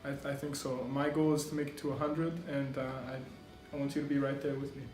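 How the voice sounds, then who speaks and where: A man's voice: medium pitch, flat delivery, a little fast, a little mellow, reverberant, faint music behind. A man from Oklahoma, co-hosting a casual couple's vlog, chiming in supportively and finishing his wife's points. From Oklahoma, USA. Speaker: vlogger, co-host of a couple's channel. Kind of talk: casual chat.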